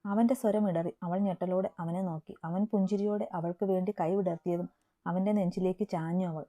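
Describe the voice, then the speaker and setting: A woman narrating a romance story in a steady, matter-of-fact reading. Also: fairly low pitch, fairly quick, dull audio.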